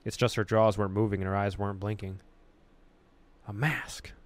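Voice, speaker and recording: At a moderate pace, a man with a fairly low-pitched voice reads aloud from a horror visual novel, acting as a gaming host who tells the story expressively but casually.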